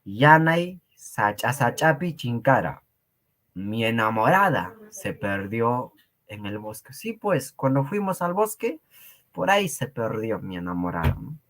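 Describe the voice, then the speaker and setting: Lively, joking man teaching a class. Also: mid-range voice, measured pace. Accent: Peruvian Spanish. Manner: joking, laughs often, repeats phrases to students. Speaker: Quechua teacher. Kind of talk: online language class.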